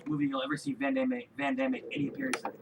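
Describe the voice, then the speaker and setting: A man's voice: extremely high pitch, fairly even intonation, gravelly. A man chatting casually with a friend, rambling about old movies. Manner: rambling, fast-talking. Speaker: friend keeping the player company. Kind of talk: casual chat. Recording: distant mic in a noisy room.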